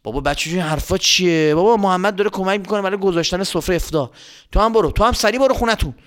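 A man's voice: sits high, a bit bright, smooth, voice pushed up. A man voicing an exasperated middle-aged father who scolds and grumbles. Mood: scolding.

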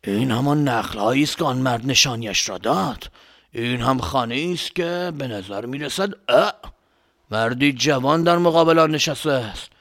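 A man's voice: medium pitch, a bit bright, no echo, clean studio sound, lightly acted. A man voicing a rude, hot-tempered grown man traveler in a children's story, scolding and grumbling to himself. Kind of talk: storybook character voice.

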